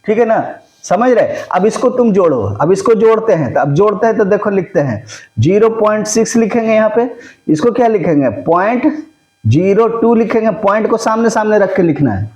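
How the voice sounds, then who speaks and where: A man's voice: sits high, expressive, fairly quick, darkish tone, dull audio. A man teaching a maths lesson, often checking that his students follow along. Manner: mixes Hindi with English terms. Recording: echoey room.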